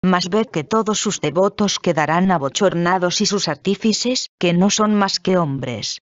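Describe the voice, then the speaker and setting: A reader giving a measured, solemn scripted reading of a Bible passage. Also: mid-range voice, dry recording, highs cut off.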